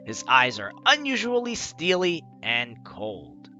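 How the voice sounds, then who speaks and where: A let's player reads a story game aloud, narrating dramatically and slipping into offhand asides. His slightly high voice swoops wildly in pitch, slow, pushed and bright, with faint music behind him.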